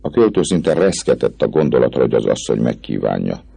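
A man narrating a classic novel as an audiobook, telling the story in a measured, expressive way. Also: very deep voice, gravelly, husky, no room sound.

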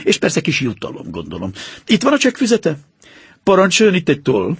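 A man voicing a calm, stern detective in an audiobook reading, explaining in a measured, authoritative way. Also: high voice, slightly rough, dry recording, pitched above the performer's own voice, full character voice. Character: calm, stern male detective, confident and precise.

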